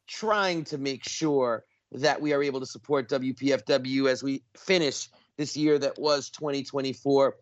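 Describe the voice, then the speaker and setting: An enthusiastic man hosts a radio talk show and leans hard into his words. His voice sits at an ordinary middle pitch. The sound is dry and slightly muffled. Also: no echo. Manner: energetic, emphatic, repeats details slowly.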